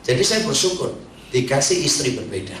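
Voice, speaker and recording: A man's voice: mid-range voice, brisk, a little hiss or hum. A man, a pastor, preaching a humorous sermon to married couples and acting out people he has counseled. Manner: humorous, lively preaching with mimicked congregants. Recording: echoey hall from a distance.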